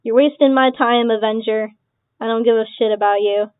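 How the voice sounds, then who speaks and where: A woman's voice: fairly high pitch, steady tone, normal speed, clear, resonant tone, dry recording. A young woman giving a casual reaction commentary, sarcastic and dismissive, swearing often. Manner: dismissive, sarcastic, swearing, laughing between remarks. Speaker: online creator responding to accusations. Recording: tinny phone-like lo-fi sound, dry.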